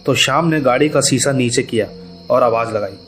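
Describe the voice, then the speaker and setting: A man's voice: medium pitch, moderate pace, a bit bright. Male horror story narrator over faint music. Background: faint background music.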